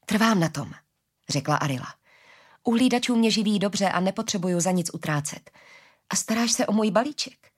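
A woman's voice: mid-range voice, lively intonation, breathy edge. A woman voicing a caring, firm young woman guard who speaks earnestly in a storybook reading.

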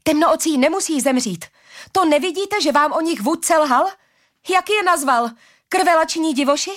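Defiant young swordswoman, high urgent shouts, read by a woman. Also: close to an everyday voice. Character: young female warrior, defiant and desperate.

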